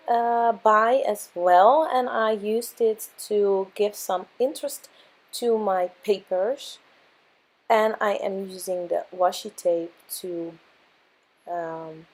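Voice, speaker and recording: A young woman hosting a channel casually narrates her craft process, full of fillers and self-corrections. Her voice is hoarse and worn-out, mid-range, and a little mellow.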